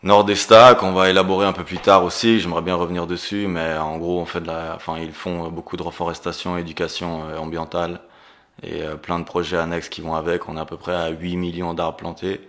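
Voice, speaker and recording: An entrepreneur and coach appears as a guest, telling stories briskly in a casual interview with a deep, flat voice. Portuguese is his first language; he comes from Geneva and was raised in Brazil. He sounds sincere, though hesitant, leaning on lots of filler words.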